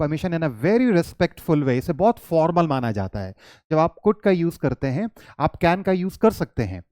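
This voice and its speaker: A man teaching English grammar, explaining in Hindi and reading English example sentences slowly with stress. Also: on the high side, a little mellow, no room sound.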